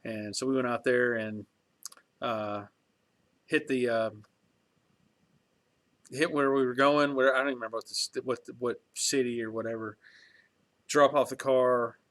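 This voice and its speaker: A man's voice: medium pitch, steady tone, moderate pace, long pauses, fairly bright tone. A man in his early fifties hosting a casual livestream, chatting in a rambling, reflective way with many fillers and restarts while reading viewer comments. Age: 50s. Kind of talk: casual chat.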